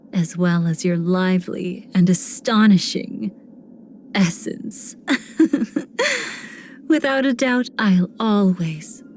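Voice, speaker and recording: An actress playing a seductive, sinister woman cremator in a video game, speaking in a languid, theatrical way with breathy, whispered phrase endings. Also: fairly low pitch, dark tone. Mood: rapt, intoxicated. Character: seductive, sinister woman cremator who savors betrayal and decay. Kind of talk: video game character voice lines.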